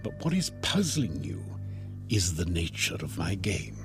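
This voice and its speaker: A man's voice: low-pitched, very animated, unhurried. A slick, mocking devil in a radio play, chatting like a breezy salesman. His delivery swoops theatrically from smug to taunting, with strong music underneath. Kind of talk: radio drama acting.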